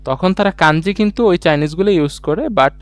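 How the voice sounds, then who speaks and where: A man's voice: on the high side, fast talker, clean tone, no room sound. Man explaining a lesson, dry close sound. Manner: explains step by step, reads out syllable charts; rhetorical questions, mixes English words into speech. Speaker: language teacher. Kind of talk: online class lecture.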